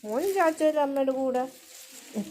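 A woman's voice: high-pitched, expressive, moderate pace, warm tone, a little hiss or hum. A woman filming her pet dog outdoors near her home gate, talking to it in coaxing, sing-song baby talk.

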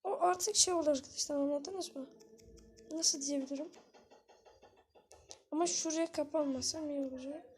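A woman giving chatty, excitable live gameplay commentary, talking to the characters on screen and bursting out in frustration now and then. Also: high-pitched, normal speed, long pauses, a little hiss or hum. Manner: frustrated outbursts with swearing. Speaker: gaming channel host.

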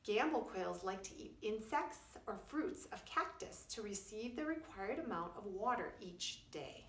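Reading a story to young children and explaining it simply, a middle-aged preschool teacher speaks a little slowly in a mid-range, fairly bright and expressive voice. The camera microphone sits a few feet away in a small wood-panelled room, so the audio is roomy and distant.

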